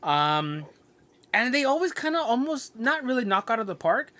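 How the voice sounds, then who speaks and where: A man's voice: very high voice, big pitch swings, normal speed, bright, forceful tone. A man co-hosting a podcast, rambling casually with lots of "um" and sentences he starts over. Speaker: podcast co-host. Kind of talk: casual chat.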